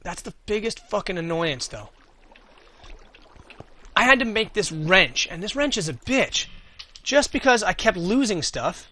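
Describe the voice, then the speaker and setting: A man's voice: high-pitched, sing-song, a little slow, long pauses, pushed and bright. A man hosting a gaming video, launching into an escalating, foul-mouthed comedic rant with exasperated, emphatic repetition.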